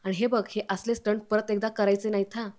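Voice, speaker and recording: A woman reading the lines of a firm young husband who lectures and warns, in a mellow, flat voice. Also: mid-range voice, brisk, lightly acted.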